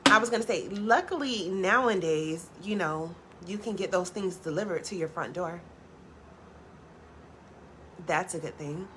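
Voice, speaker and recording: On a live stream, a soft-spoken, laid-back tarot reader chats with her viewers in a naturally low voice she rarely raises. She talks a little slowly with long pauses, peppering her speech with "like" and casual swearing over a faint background hiss.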